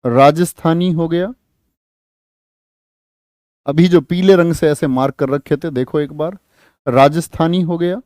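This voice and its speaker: A man's voice: fairly high pitch, fairly even intonation, a little slow, long pauses, a little mellow, no echo, clean studio sound. A man teaching an online exam-prep class, quizzing students and reading out their answers. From India. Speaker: Hindi teacher.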